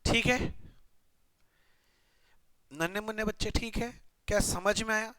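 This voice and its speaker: Bright and forceful, a young man's high-pitched voice keeps fairly even intonation at a measured pace as he delivers a casual, playful accounting lecture. He frequently quizzes students and mutters while writing, and the recording is clean and dry.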